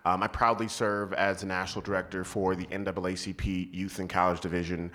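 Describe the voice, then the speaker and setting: A man's voice: deep voice, level tone, fast, sharp tone. A man from Nigeria who grew up in California, introducing himself earnestly on a conference panel with frequent ums. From Nigeria, raised in California. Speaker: panelist, civil rights organizer. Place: conference hall stage.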